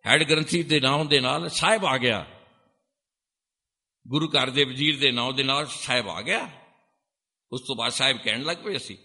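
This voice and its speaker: A man preaching a sermon, chanting verses and leading the crowd in call-and-response, often rising to loud, high exhortation. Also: normal speed, long pauses. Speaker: Sikh preacher. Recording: long hall reverb.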